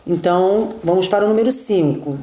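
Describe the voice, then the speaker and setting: A woman's voice: lowish voice, brisk, mellow, echoey room. A woman teacher, patiently walking her class through textbook exercises and counting out syllables one by one, with frequent check-ins to her students.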